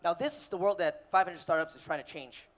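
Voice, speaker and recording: A man in his thirties from Malaysia, giving a casual, energetic keynote on a conference stage with filler words and restarts. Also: high-pitched, brisk. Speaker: keynote speaker, investor. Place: conference stage before an audience.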